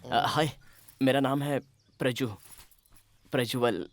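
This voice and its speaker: An actor dubbing a nervous, lovestruck young man who stammers and gets excitable. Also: medium pitch, slow, no echo, natural voice. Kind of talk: Hindi film dub. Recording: film soundtrack with music.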